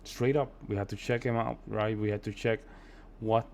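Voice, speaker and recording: A man's voice: fairly low pitch, flat delivery, moderate pace, vocal fry, a little mellow, slight background noise. A man from Puerto Rico giving casual, emphatic reaction commentary. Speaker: reaction video host.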